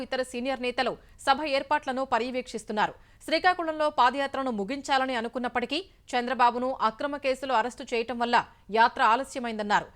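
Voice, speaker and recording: A woman news anchor reading the bulletin in a brisk, formal newsreader manner. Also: high voice, a bit bright, clear, resonant tone.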